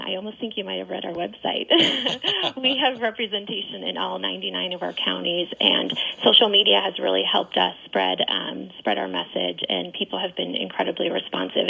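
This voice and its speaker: A woman's voice: mid-range voice, gravelly, sharp tone, slightly rough. A middle-aged woman giving earnest, explanatory answers as a guest in a radio interview, with muffled sound. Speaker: parent advocate and interview guest.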